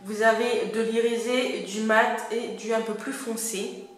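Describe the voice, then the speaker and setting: A woman's voice: on the high side, steady tone, unhurried. A young woman giving a casual makeup review as a beauty vlogger, chatty and hesitant with many fillers. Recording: very echoey room.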